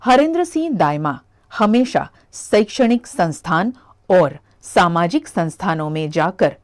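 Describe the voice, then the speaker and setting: A woman reporter reading a scripted news voice-over in a measured, formal way. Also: on the low side, lively intonation.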